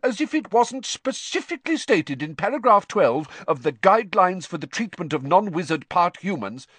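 Man as Percy Weasley, pompous high-voiced young bureaucrat. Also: very animated, normal speed, fairly bright tone, slightly rough, no echo, full character voice. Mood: furious. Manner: pompous, indignant. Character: pompous, indignant young male wizard bureaucrat, pedantic.

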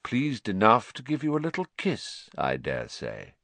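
Guy putting on a nasty sneering teacher, silky hiss then wild shrieks, pitch all over. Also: very animated, measured pace, bright, forceful tone, no room sound, exaggerated voice. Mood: silky menace. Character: venomous male schoolteacher, sneering, unhinged.

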